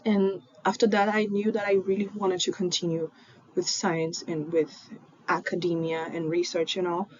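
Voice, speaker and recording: In a personal story presentation, a young woman from Brazil, a native Portuguese speaker and genetics PhD student, speaks earnestly with a Brazilian accent and many ums. Her delivery is flat, somewhat mellow, lowish, and at a moderate pace. It was recorded remotely from her Fortaleza home, in dull lo-fi sound with faint noise.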